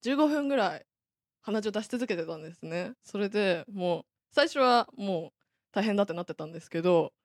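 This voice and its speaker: A young woman from Saitama introducing herself with an animated story. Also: medium pitch, brisk, dry recording, clean studio sound. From Saitama, Japan. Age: young adult. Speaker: new student guest. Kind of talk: self-introduction anecdote.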